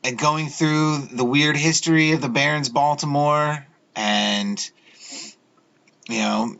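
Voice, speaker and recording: A man hosting his own video, talking in a halting, rambling way with many fillers and restarts as he goes through pictures. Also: a little high, vocal fry, fairly bright tone. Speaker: video host. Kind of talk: rambling solo video talk over images. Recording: dull lo-fi audio.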